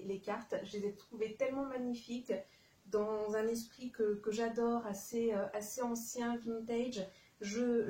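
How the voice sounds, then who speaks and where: A woman's voice: a little high, mellow, echoey room, recorded from a distance, poor audio. A woman chatting through a casual haul vlog, hesitant with many fillers and restarts, talking straight to her viewers. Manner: chatty, addresses viewers directly. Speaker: YouTube haul vlogger. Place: room at home, dim light.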